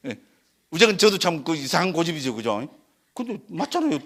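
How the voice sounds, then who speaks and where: Older monk lecturer, lively up-and-down delivery, chatty, keeps seeking agreement. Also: male voice, fairly high pitch, normal speed. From Korea, Gyeongsang region. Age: 60s. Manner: conversational, keeps asking the audience for agreement. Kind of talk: Dharma lecture with personal story.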